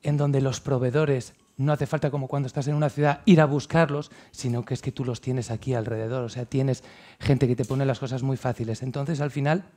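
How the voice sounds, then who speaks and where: A man's voice: medium pitch, steady tone, fairly quick, dark tone. A restaurant owner in his forties from central Spain, speaking on a panel in a chatty, heartfelt way and often checking in with his listeners. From Castilla-La Mancha, Spain. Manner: chatty and heartfelt, keeps tagging questions onto his sentences. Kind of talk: panel talk.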